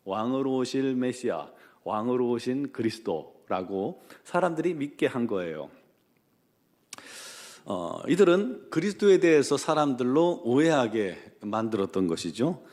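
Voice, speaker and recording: A male pastor giving an early-morning prayer sermon. He reads scripture in a measured, formal cadence, then tells stories in a calm, conversational way with frequent "uh" pauses. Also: medium pitch.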